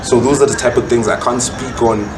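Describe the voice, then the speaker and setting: Fairly quick and fairly even in intonation, this mid-range male voice belongs to a South African musician and rapper guesting on a podcast. He reflects casually, explaining at length and repeating words to stress them, amid echo and loud background noise.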